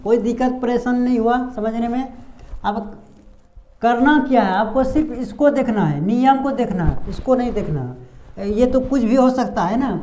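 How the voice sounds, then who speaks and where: A woman teaching a pronunciation lesson patiently and step by step, pausing on drawn-out fillers and asking the class rhetorical questions. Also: on the high side, dark tone. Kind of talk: blackboard-style lesson explanation.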